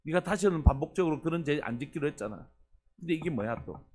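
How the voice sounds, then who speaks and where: A pastor preaching an earnest early-morning sermon, putting questions to the congregation. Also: male voice, a little high, animated, fast talker, darkish tone, slight background noise.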